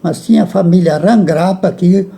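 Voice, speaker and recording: A man, a guest recalling his youth in a halting way that repeats words, with frequent chuckles. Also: high voice, gravelly, mellow. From Rio Grande do Sul, Brazil. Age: 80s. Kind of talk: reminiscing in a casual interview.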